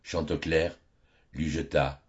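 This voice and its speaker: A man reading a medieval tale aloud in an expressive, dramatic storybook style, in a dull lo-fi audiobook recording. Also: extremely low pitch, slow. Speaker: audiobook reader.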